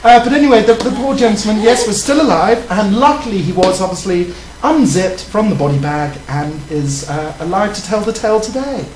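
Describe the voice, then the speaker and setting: A man's voice: high voice, lively intonation, fairly quick, darkish tone, roomy sound, slight background noise, poor audio. A man voicing a proper, genteel older English lady who calls everyone darling, in a comic drag skit. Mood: prim. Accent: put-on English. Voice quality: genteel, fussy manner with "darling" and "dear". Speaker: host. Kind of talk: comic drag character chat. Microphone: video call.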